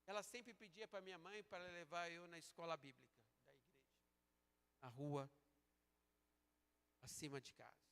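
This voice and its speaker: A man preaching a sermon as a pastor, moving between slow emphatic calls and quieter storytelling. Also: a little high, fairly even intonation, gravelly, smooth. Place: church sanctuary. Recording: church sanctuary with long reverb.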